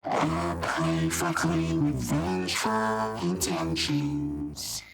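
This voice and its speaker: A woman's sung line comes out as a demonic layered voice, dropped low and thickened by stacked synth effects. The sound is gravelly and dragged out slowly, and a full music track plays behind it. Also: expressive. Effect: demonic layered voice, pitched down and thickened by vocal synth plugins. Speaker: singer. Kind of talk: slow, drawn-out sung vocal. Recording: studio vocal inside a song mix, music behind.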